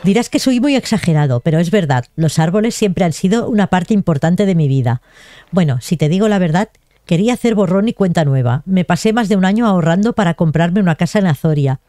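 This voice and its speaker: A woman's voice: lowish voice, animated, brisk, warm tone, no echo, natural voice. A woman reading aloud the lines of a shy young male villager who loves trees, in a bashful, rambling way. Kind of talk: reading game dialogue aloud.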